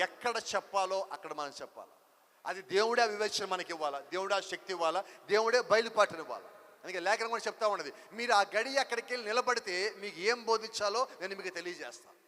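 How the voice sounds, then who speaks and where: A man's voice: sits high, pushed and bright. A man preaching a sermon, emphatic, driving his points home with repeated rhetorical questions. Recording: long hall reverb.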